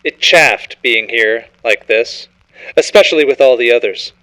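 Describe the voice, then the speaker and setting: A man's voice: medium pitch, a little slow, sharp tone, low-quality recording. A man reading a scripted horror story as narrator, in a dramatic, ominous storytelling manner.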